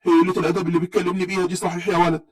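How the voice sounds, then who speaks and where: A woman playing an elderly village patriarch from Upper Egypt in a storybook tale. He is affectionate but stern, with an Upper Egyptian accent, and his lines are read at a brisk pace. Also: high-pitched, little pitch movement, slightly rough, pitched below the performer's own voice, rough recording.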